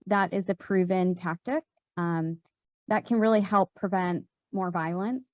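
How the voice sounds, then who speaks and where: A woman speaking as a panelist at a forum, relaxed and conversational, with frequent fillers and restarts. Her voice sits a little low for a woman. The audio is dry and slightly muffled. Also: measured pace, dry recording. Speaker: panelist, gun safety volunteer. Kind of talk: panel discussion answer. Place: event hall.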